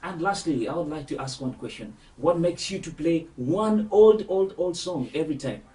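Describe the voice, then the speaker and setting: A man interviewing a DJ in a casual chat, asking questions and filling gaps with quick agreeing replies. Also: fairly high pitch, expressive, warm tone. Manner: chatty, with frequent agreeing interjections. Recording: voice far from the mic.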